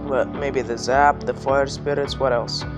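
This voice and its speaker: A man's voice: medium pitch, steady tone, measured pace, music in the background. A man hosting a gaming video with casual gameplay commentary, his voice slightly affected by illness. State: slightly ill voice.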